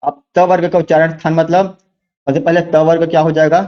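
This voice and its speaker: A man teaching exam-prep lessons, walking through quiz questions step by step, asking rhetorical questions and repeating key answers slowly. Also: fairly high pitch, flat delivery, muffled recording.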